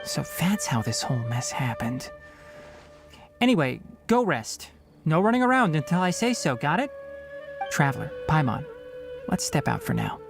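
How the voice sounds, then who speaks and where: An actor playing a stern but caring young male forest watcher in a video game, brisk, matter-of-fact and gently scolding. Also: a little high, big pitch swings. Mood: concerned. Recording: game audio with background music.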